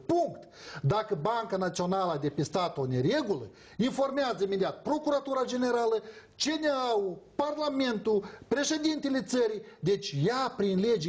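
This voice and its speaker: A man's voice: high-pitched, a little mellow, husky. A man, a politician guest on a TV talk show, talking emphatically and animatedly and acting out quoted exchanges. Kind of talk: emphatic studio debate. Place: TV studio.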